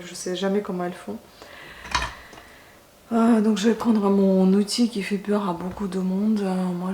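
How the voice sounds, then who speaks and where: A woman speaks in a relaxed, mellow voice. She chats casually like a beauty vlogger, hesitating and rephrasing as she goes. The room is echoey, with faint noise behind her. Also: mid-range voice. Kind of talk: casual makeup chat to camera. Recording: roomy echo, faint background noise.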